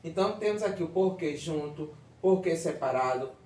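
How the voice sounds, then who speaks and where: A man's voice: a little high, expressive, moderate pace, warm tone. Brazilian man teaching, distant and echoey. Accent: Brazilian Portuguese. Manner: explanatory, checks understanding with "certo?" and "tá vendo?". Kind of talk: recorded classroom lesson. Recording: echoey room, distant mic.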